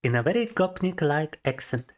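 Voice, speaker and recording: A man's voice: fairly high pitch, very animated, moderate pace. A man and native Russian speaker chatting casually on a gaming livestream, laughing often and explaining things to viewers as he plays, into a desk microphone.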